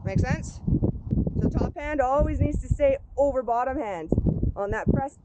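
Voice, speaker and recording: A woman coaching paddlers in an informal, encouraging way, giving careful, unhurried step-by-step instructions outdoors. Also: high voice. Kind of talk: hands-on sports instruction. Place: outdoors on a boat. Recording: very noisy outdoor recording.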